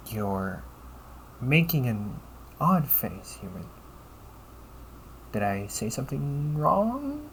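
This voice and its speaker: In this audio roleplay addressed to the listener, a man voices a polite, caring male A.I. companion who is gently logical and encouraging. He speaks in measured, formal phrases, often ending with a questioning tag, in a fairly low pitch and a curious mood. The recording is rough, with slight background noise.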